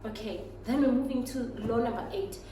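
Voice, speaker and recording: A woman's voice: fairly high pitch, a little fast, warm tone, reverberant, far from the mic, a little hiss or hum, rough recording. A young South African woman giving an emphatic, preachy motivational talk and switching between English and Zulu phrases. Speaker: motivational vlogger.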